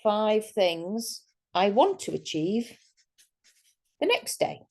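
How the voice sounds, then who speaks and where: A female hypnotist speaks casually to a workshop group in a mid-range voice at a slow pace. She's animated, acting out people's quoted reactions as she explains her techniques.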